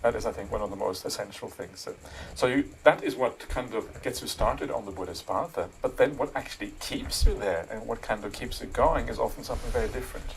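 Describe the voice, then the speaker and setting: A middle-aged man from Norway, a Buddhist monk answering interview questions thoughtfully, with many pauses and fillers. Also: mid-range voice, slight background noise, rough recording. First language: Norwegian. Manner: thoughtful, frequent "uh" and "yeah", soft laughs. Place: monastery.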